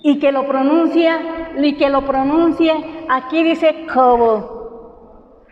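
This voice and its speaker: A high-voiced Mexican woman who grew up speaking Mixtec teaches a classroom at an unhurried pace, patient and encouraging, often thinking aloud and restarting. Her voice comes through a slightly dull mic, with a roomy hall echo around it. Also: fairly even intonation, slight background noise. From coast of Oaxaca, Mexico. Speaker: language teacher. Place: university classroom. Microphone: teacher's own microphone.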